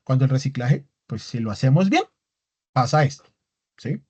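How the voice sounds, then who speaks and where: Here a man of medium pitch, his voice a little mellow and slightly rough, talks with lively intonation at a moderate speed. He explains writing step by step in an online class, peppering students with tag questions. The lecture recording is dull and lo-fi.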